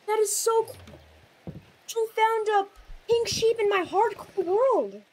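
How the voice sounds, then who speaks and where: A woman giving casual, excitable commentary while playing a game, chatting to her animals as she goes. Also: extremely high pitch. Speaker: gamer.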